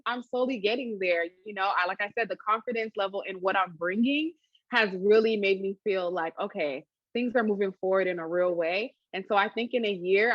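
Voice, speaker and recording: Female interviewee, mid-pitch, chatty and animated, laughs a lot; dry, slightly dull recording. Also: no echo. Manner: chatty, animated, laughs often, many fillers. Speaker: interviewee, food channel creator. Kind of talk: casual interview answers.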